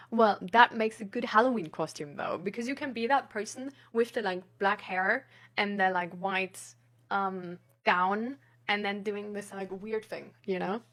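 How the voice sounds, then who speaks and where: A woman live streamer with a medium-pitched, fairly bright voice talks at a measured pace. She chats casually with her viewers and reads out their messages, rambling and giggling with hesitant phrasing.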